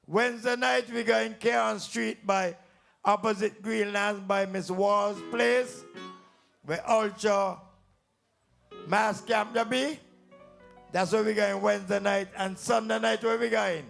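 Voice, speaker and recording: A Kittitian-accented comedian emceeing a calypso tent show in St Kitts banters playfully with audience members. He takes his time, his high voice gravelly, a bit bright and fairly even in intonation, over soft background music.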